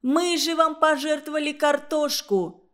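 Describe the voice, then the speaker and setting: Woman doing a self-righteous schoolgirl, shrill, whiny, insistent, storybook reading, pitched up high. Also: fairly even intonation, unhurried, a bit bright. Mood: shrill indignant. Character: shrill fussy young girl, self-righteous.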